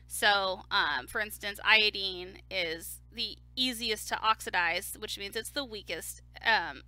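A woman's voice: medium pitch, bright, forceful tone, no room sound. A woman lecturing on chemistry in a casual, step-by-step way with frequent fillers. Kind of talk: recorded lecture.

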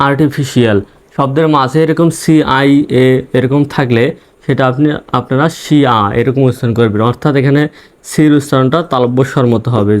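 A man teaching English reading, spelling words letter by letter and sounding out each syllable slowly. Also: medium pitch. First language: Bengali. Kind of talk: spelling-out pronunciation lesson.

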